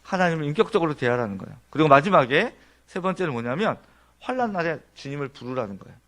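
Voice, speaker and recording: Male pastor, slightly high voice with very lively intonation, earnest conversational sermon with rhetorical questions to the congregation. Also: fast talker. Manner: explains points one by one in an earnest, conversational tone. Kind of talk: Sunday sermon. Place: church sanctuary.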